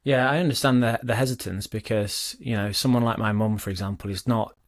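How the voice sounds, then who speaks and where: Low-voiced chatty podcast co-host. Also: male voice, steady tone. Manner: chatty, self-correcting, pauses to comment. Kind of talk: casual chat and reading a book aloud.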